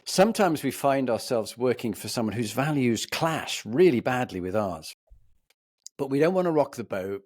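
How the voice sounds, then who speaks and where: Male podcast host, formal and measured questioning, mid pitch, dry close mic. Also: expressive, a little mellow, no echo. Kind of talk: podcast interview.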